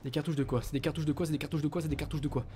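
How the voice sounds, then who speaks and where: A young man giving excitable let's play commentary, swearing a lot and shouting at enemies. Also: a little high, racing, slight background noise. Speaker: gaming channel host.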